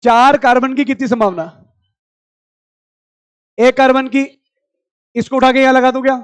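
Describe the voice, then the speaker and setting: High-voiced male teacher shouting in class. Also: steady tone, normal speed, smooth, no echo. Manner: loud, scolding and coaxing students. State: strained throat. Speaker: chemistry teacher. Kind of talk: classroom lecture.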